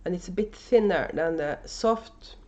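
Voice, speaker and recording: Recorded on a camera mic at home with the highs cut off, a Norwegian-accented knitting video podcast host talks casually and without a script, often using fillers and restarting. Her voice is fairly low and a little mellow, her pace a little slow.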